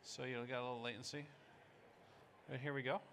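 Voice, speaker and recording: A presenter in his fifties talks briskly in a medium-pitched, level voice that's fairly bright, over a little hiss or hum. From a stage in a large indoor conference hall, he gives an informal live product demo, addressing the audience in short phrases.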